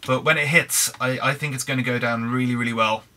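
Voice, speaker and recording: A young British man with a hoarse, croaky throat, chatting in a rambling way over a Minecraft let's play. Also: mid-range voice, steady tone, fast, bright, forceful tone. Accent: British English. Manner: rambling, chatty, frequent restarts. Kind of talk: casual gameplay commentary.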